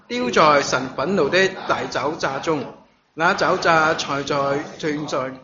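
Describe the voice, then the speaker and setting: A man with a fairly high voice leads a sermon and reads scripture aloud at a steady, measured pace. When he leaves the text he stumbles over fillers. The recording sounds dull and lo-fi, with a congregation clearly audible behind him. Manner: measured reading of scripture, halting fillers when speaking freely. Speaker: preacher. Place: church service, also streamed online.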